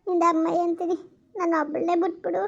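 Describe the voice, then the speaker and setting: A woman's voice: very high-pitched, level tone, fast, creaky. Woman voicing a tearful pregnant young wife. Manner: sobbing, plaintive complaints. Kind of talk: animated story voice-over. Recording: lo-fi, dull voice-over.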